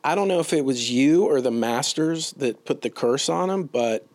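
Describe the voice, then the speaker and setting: A man co-hosting a relaxed golf-picks show, with a teasing, joking manner. His voice sits in an ordinary middle register. The sound is dry and close, with no room around it. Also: mid-range voice, normal speed, dry recording. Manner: teasing, gives playful clues. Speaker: co-host. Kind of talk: casual golf-picks chat.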